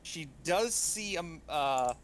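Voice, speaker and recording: A man narrating as game master of a tabletop game, pausing often with fillers and restarts. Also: fairly high pitch, expressive, a little hiss or hum. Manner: halting, many fillers and restarts.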